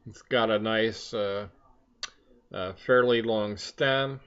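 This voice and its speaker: Halting older man with a pipe, low voice. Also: a bit bright, clear, resonant tone. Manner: rambling, halting, trailing off. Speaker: vlogger. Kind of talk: casual chat to camera. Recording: dull, lo-fi sound.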